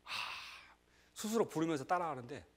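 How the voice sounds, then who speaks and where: A middle-aged man preaching a sermon as pastor, conversational and animated, breaking into shouts and laughter. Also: a little high, moderate pace.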